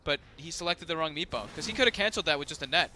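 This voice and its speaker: A man giving analytical esports color commentary, talking fast with many fillers like "like" and "you know". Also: fairly high pitch, animated, sharp tone, a little hiss or hum.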